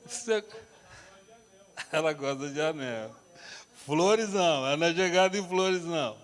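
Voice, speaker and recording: A man's voice: a little high, expressive, measured pace. A man teaching a couples workshop at church, telling humorous, self-deprecating stories. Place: church hall. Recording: reverberant church hall.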